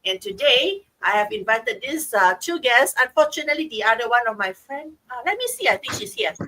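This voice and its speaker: A woman's voice: on the high side, sing-song, brisk, sharp tone, rough recording. A middle-aged woman from Singapore with a Singaporean English accent, hosting a live-streamed chat on a video call in a bubbly, upbeat way. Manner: upbeat, bubbly hosting with frequent checks like okay and right. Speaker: livestream host.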